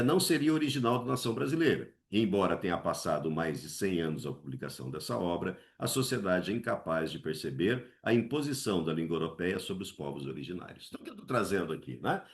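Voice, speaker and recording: A Brazilian man teaches a lesson on exam essays, posing questions to himself and answering them, with many tag questions. He swings his pitch high to act out different voices.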